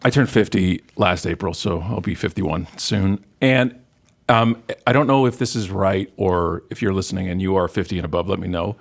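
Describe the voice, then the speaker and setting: A man in his fifties co-hosting a podcast, telling animated, joking stories in casual chat. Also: low voice, normal speed, gravelly. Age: 50s. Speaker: podcast co-host.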